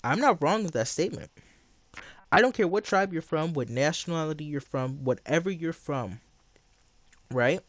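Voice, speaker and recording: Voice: mid-range voice, animated, moderate pace, pauses often, dry recording. A teenage live streamer chatting and debating bluntly and casually while chewing gum. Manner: blunt, argumentative.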